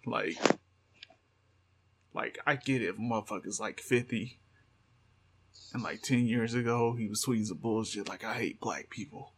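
A man's voice: lowish voice, unhurried, pauses often, slightly rough. A man co-hosting a podcast in loose, profane casual chat, often reading quotes aloud. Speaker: podcast co-host.

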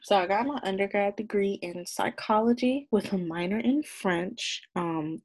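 A woman in her twenties from the American South with a Southern accent, co-hosting a podcast in casual chat, expressive and mock-exasperated. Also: mid-range voice, normal speed. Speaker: podcast co-host.

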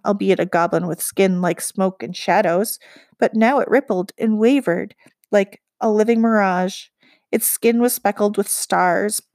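A woman reading a children's book aloud with expressive, measured narration. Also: medium pitch, no room sound, studio quality. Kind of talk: storybook read-aloud narration.

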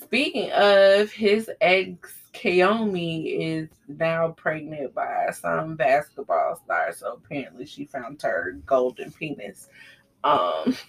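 Low-voiced woman dishing gossip. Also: slow pace, creaky, slightly rough. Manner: animated storytelling, dramatic retellings. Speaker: podcast co-host. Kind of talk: casual celebrity gossip chat.

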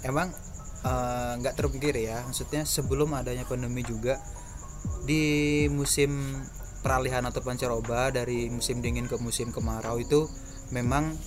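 A young man, co-hosting a casual podcast and explaining things in a halting, roundabout way. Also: mid-range voice, fairly even intonation. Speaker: podcast co-host.

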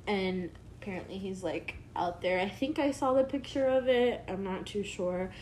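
A woman's voice: mid-range voice, moderate pace, a little mellow. A woman co-hosting a podcast in loose casual chat. She rambles through her points with filler words and swears now and then. A faint hiss runs under the recording. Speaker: podcast co-host.

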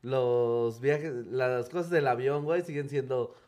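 A man with a Mexican accent telling a funny travel story in casual chat, slangy and animated, laughing as he goes. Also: medium pitch, unhurried. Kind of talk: casual storytelling among friends.

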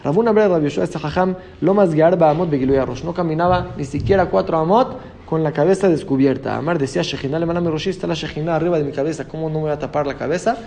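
Guy w a highish voice teaching gemara, reads the line then explains it, steady pace. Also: fast, vocal fry, a little hiss or hum. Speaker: Talmud teacher. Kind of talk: daf yomi lesson, reading Aramaic and translating.

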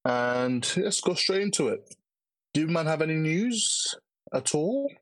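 A man's voice: a little high, sing-song, measured pace, no echo. London roadman-accented man, casual podcast host. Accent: London, urban roadman slang. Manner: slangy urban London roadman talk.

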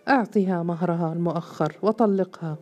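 A grave male judge handing down firm orders, as a woman narrator reads him. The delivery is low and mellow, with faint music in the background. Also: brisk, natural voice. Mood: stern. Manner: firm, commanding.

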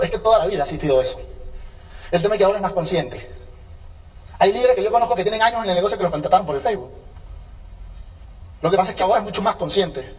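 Guy with a high voice doing a pumped-up seminar talk, acts out convos, mic a bit far off. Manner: energetic, acts out dialogues with changing voices. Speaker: seminar speaker.

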